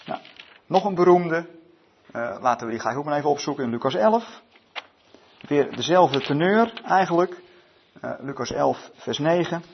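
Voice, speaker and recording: A man's voice: on the high side, animated, gravelly. A man leading a Bible study evening, reading scripture aloud and talking it over with many hesitant fillers and restarts. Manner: reads scripture aloud in a measured tone. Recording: dull lo-fi recording.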